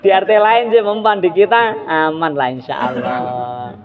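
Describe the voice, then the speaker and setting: A man's voice: fairly high pitch, fairly even intonation, normal speed, phone-quality sound, a crowd in the background. A man giving a casual sermon at a neighborhood gathering, chatting with listeners and laughing often. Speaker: preacher. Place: community gathering room.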